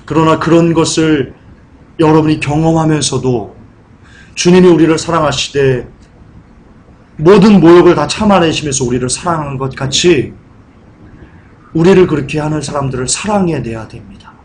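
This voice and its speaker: Male pastor, high voice, fervent sermon delivery with pleading swells; church recording with faint noise. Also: moderate pace, pauses often, darkish tone. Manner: emotional preaching, swings to high pleading cries; asks the congregation questions. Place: church sanctuary.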